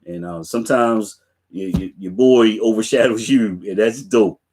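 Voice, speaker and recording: A middle-aged man with a low, deep voice talks in an easygoing, unhurried way, addressing his viewers directly. His chat is loose and full of fillers, like a relaxed livestream from his sneaker stock room. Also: slightly rough. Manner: laid-back, chatty, talks straight to viewers with fillers. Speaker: sneaker channel host. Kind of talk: casual live chat to viewers. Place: home room lined with sneaker racks.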